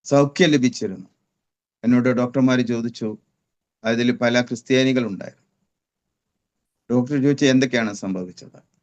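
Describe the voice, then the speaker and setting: A man's voice: mid-range voice, moderate pace, pauses often, a little mellow, muffled recording. A man from Kerala giving an impassioned religious testimony, his voice climbing into fervent prayer. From Kerala, India. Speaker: testimony speaker.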